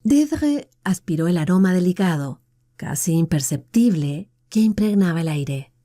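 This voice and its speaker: A woman with a Latin American Spanish accent reading an audiobook in a measured, expressive storytelling manner. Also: on the low side, no room sound, clean studio sound. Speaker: audiobook narrator. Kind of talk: audiobook narration.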